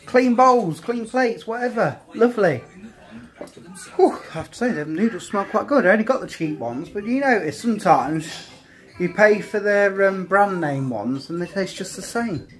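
Chatty dad vlogging at home. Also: male voice, sits high, expressive, moderate pace, poor audio. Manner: chatty, rambling, addresses viewers as guys. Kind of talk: casual home vlog chat. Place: small home kitchen and living room. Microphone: phone held at arm's length.

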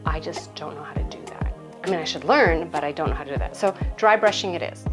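Music plays under this woman's deep, quick voice as she walks viewers through a DIY project at home. She's in her thirties, runs a home decor YouTube channel, and chats away on a lapel mic with self-deprecating humor and playful asides while moving between the hallway and a craft table.

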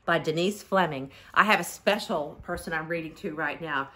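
In a living room at home, a middle-aged woman who teaches preschool reads a picture book aloud to young children. She has a low voice and tells the story in an expressive, deliberate way.

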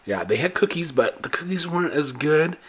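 A slightly high, husky male voice moves a little fast and expressively as this travel vlogger tours a ship's indoor buffet restaurant. He chats in a loose, rambling way into a handheld camera, captured in low quality.

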